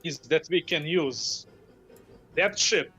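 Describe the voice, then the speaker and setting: A man with a fairly high voice talks as a tabletop game player. His delivery is casual and halting, repeating words as he plans, with faint music behind. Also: sharp tone, breathy edge.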